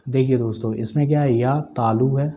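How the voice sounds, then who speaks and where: A man with a mellow, warm voice teaching an exam-prep grammar lesson. He talks in steady, step-by-step explanations, repeats key terms and drills syllables aloud. A faint hiss sits under his voice. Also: mid-range voice, brisk. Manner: explains step by step, often adds "okay friends".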